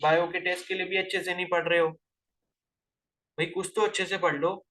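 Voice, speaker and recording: Man, physics teacher, high voice, bright tone, rhetorical questions, classroom lecture. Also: little pitch movement, fairly quick. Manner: scolding students with rhetorical questions.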